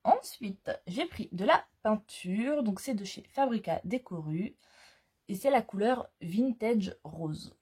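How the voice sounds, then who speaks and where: Woman crafting vlogger, slow and mellow, chatty with lots of fillers. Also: mid-range voice, animated, breathy edge. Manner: chatty, hesitant with frequent fillers. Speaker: scrapbooking vlogger. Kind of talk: casual product haul chat.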